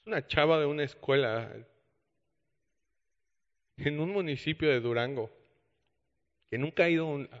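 Male preacher, animated storytelling, roomy hall sound. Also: fairly high pitch, normal speed, long pauses. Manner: animated storytelling with quoted dialogue. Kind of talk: sermon storytelling. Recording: dull echoey hall.

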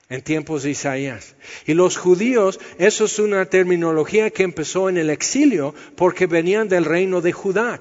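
A man preaching a sermon, teaching in a conversational, explanatory way. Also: a little high. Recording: dull sound with long hall reverb.

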